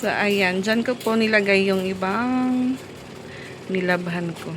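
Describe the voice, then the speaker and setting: Woman, casual vlogger, slow unhurried talk, noisy phone recording. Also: medium pitch. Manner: chatty, polite, addresses viewers directly. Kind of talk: casual vlog narration.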